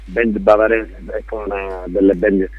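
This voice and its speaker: A man calling in on speakerphone from outdoors, explaining his event in a steady way to radio hosts. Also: fairly low pitch, normal speed. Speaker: event organizer, phone-in guest. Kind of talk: radio phone interview. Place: outdoors at a work site. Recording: dull, husky phone line.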